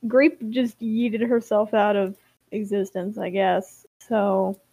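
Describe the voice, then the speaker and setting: A woman co-hosting a casual podcast and reading fanfic aloud, giggly with quick asides. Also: mid-range voice, little pitch movement, mellow, dry recording. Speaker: podcast co-host.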